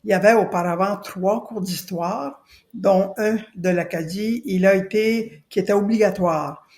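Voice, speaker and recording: A slightly slow, medium-pitched voice with a darkish tone belongs to a woman from Acadia, New Brunswick, a citizen committee spokesperson giving a podcast interview. Earnest throughout, she keeps repeating her central points to drive them home.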